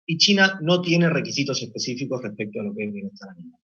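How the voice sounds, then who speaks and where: Husky man giving a technical talk. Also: medium pitch, big pitch swings, bright, forceful tone. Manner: measured, explanatory, occasional hesitations. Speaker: meat plant deputy manager presenting. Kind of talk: technical conference presentation. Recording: dull lo-fi recording.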